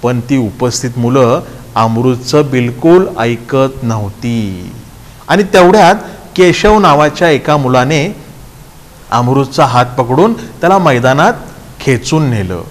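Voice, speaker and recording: A man teaching a class reads a story aloud at an unhurried pace. He goes back over each sentence in plainer words. His voice carries a long, lingering reverb. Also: medium pitch, lively intonation. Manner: reads a sentence, then retells it in simpler words. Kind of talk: reading a story aloud and explaining it.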